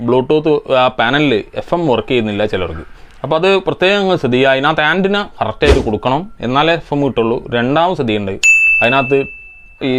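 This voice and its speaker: A man's voice: medium pitch, clear, resonant tone. A man from India hosting an electronics repair channel, answering viewer comments with methodical step-by-step technical explanations.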